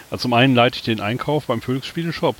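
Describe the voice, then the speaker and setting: A man explaining things casually and haltingly as a podcast guest. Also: medium pitch, a bit bright, dry recording. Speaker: podcast guest, trained educator. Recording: faint hiss behind the voice.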